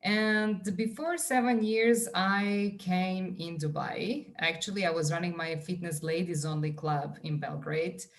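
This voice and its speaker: A woman's voice: fairly low pitch, measured pace, few pauses. A woman in her forties with a Serbian accent, a wellness coach talking earnestly as a podcast guest with many fillers and restarts. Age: 40s. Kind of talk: conversational podcast interview.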